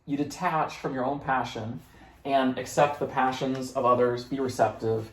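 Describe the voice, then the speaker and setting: A man's voice: medium pitch, fairly even intonation, moderate pace, a bit bright, roomy sound. A man hosting a casual conversation, explaining ideas at length with many fillers and playfully acting out quoted voices. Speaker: host.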